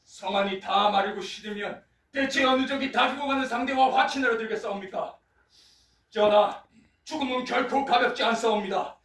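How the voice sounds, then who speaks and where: A man's voice: extremely high pitch, normal speed, a bit bright. A man playing a pragmatic royal minister in a historical stage drama, pleading firmly in formal, archaic court language. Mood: grave pleading. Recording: echoey hall, distant microphone.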